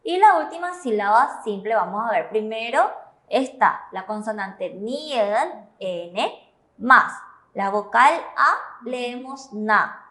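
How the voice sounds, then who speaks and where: A woman teaching Korean pronunciation in Spanish with a Paraguayan accent, explaining slowly and patiently and checking in with her students. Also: on the high side, lively intonation, sharp tone, echoey room. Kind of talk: slow, careful classroom explanation.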